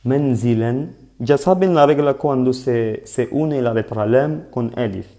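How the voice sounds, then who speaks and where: Man, teacher, live lesson, slow and patient, mellow voice. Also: mid-range voice. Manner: slow, patient explaining with frequent "¿vale?" checks. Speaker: Arabic teacher. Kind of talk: live online language lesson.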